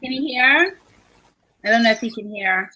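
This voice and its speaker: A woman from New York co-hosting a casual live video chat, talking in quick restarts while dealing with a shaky connection. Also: on the high side, lively intonation, sharp tone. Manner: chatty, restarts often, coping with connection trouble. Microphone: video call.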